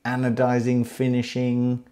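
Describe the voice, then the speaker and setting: A man's voice: mid-range voice, monotone, measured pace, dark tone. A man hosting a casual interview, asking questions in a chatty, upbeat way. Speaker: podcast host.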